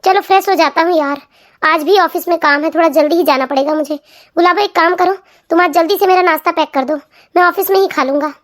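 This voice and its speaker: A woman's voice: very high-pitched, fast, voice pushed down. A woman voicing a tired, lazy young husband in a comedy cartoon, grumbling and dodging. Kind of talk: cartoon family comedy voice acting.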